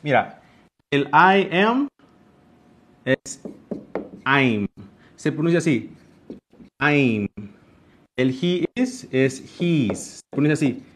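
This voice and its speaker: Slow, patient male teacher. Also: on the high side, lively intonation, a little hiss or hum. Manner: slow, patient, repeats examples and checks in with "¿ok?". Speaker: English teacher. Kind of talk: beginner English lesson explained in Spanish.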